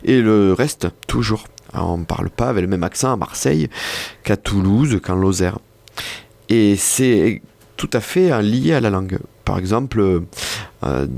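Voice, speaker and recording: A man's voice: fairly low pitch, gravelly, darkish tone, no room sound. A man explaining language points, hesitant and full of fillers and restarts. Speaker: co-presenter explaining the Occitan language. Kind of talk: reading aloud and casual explanation.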